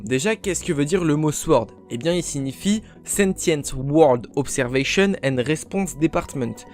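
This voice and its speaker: Higher-voiced man narrating an explainer. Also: darkish tone. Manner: speaks directly to viewers. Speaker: video creator.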